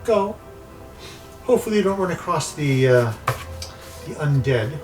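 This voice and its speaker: A man's voice: a little high, animated, moderate pace, poor audio. A man narrating as game master in a tabletop game, describing scenes loosely with many fillers. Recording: mic set back, faint music.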